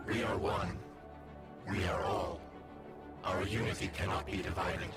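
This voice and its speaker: A man voicing a hive mind that speaks as one, his voice layered into a robotic collective chorus with a flat, solemn delivery. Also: deep voice, measured pace, over music. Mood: cold, solemn.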